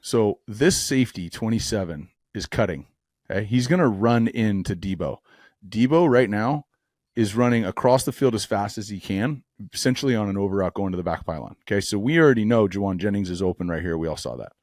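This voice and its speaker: A man's voice: on the low side, lively intonation, a little fast, darkish tone, no room sound, studio quality. A man co-hosting a football podcast, talking through a play step by step like a coach. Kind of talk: film breakdown.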